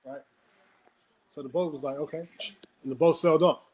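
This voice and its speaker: A man hosting a motivational webinar, telling a story and often checking in with a quick "right?". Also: fairly high pitch, fairly even intonation, a little mellow, slight background noise, poor audio. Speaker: webinar host.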